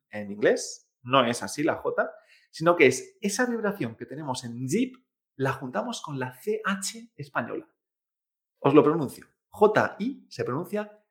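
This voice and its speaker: A male Chinese teacher giving a pronunciation lesson, patiently modelling each sound slowly and repeating it, often tagging "¿eh?" and "¿vale?". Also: on the high side, fairly bright tone. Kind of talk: language lesson.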